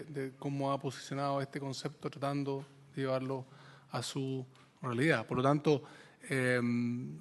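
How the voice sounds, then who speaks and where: A man, a scientist speaking in a committee session, often halting and repeating words as he searches for them. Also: medium pitch. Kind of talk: committee discussion.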